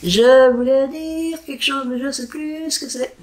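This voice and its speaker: Slow, unhurried woman with a higher voice. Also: steady tone, low-quality recording. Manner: unhurried and hesitant, sounding out foreign words slowly; chatty with frequent fillers and self-corrections. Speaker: crafting vlogger. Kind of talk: casual show-and-tell craft chat.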